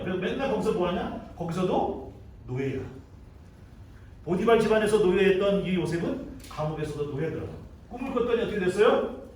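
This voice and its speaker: A man's voice: high-pitched, a little mellow, a little hiss or hum. A male pastor preaching a sermon at a school chapel service, telling the story dramatically. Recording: echoey hall from far off.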